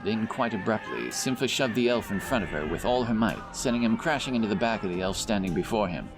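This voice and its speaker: This storyteller has a lowish voice and moves at a fairly quick clip through a scripted fantasy audiobook. Loud music and outdoor effects play behind his narration.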